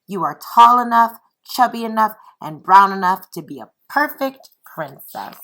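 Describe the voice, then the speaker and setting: A loving storybook mother speaks firmly, voiced by a woman reader. Her voice is bright and forceful, with slow, emphatic phrasing meant to reassure. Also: medium pitch, lively intonation, pitched above the performer's own voice, rough recording. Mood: reassuring.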